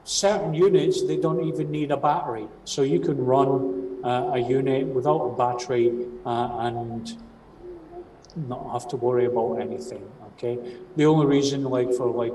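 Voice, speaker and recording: A man with a broad Scottish accent presents a training session in a dark, mellow voice. He explains things plainly and keeps checking that he is understood. The sound is roomy and distant from the microphone. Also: medium pitch. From Scotland. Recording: distant mic, roomy echo, faint noise.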